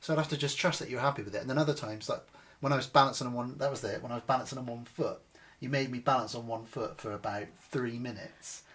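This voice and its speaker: A man's voice: mid-range voice, fast, fairly bright tone. A man chatting through a film commentary about his acting, joking and swearing casually. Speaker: actor.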